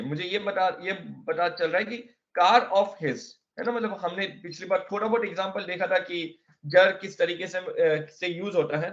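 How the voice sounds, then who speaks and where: A man's voice: high voice, fairly bright tone, dull audio. A man teaching a classroom lesson, explaining step by step and often checking that students follow. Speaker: Arabic teacher.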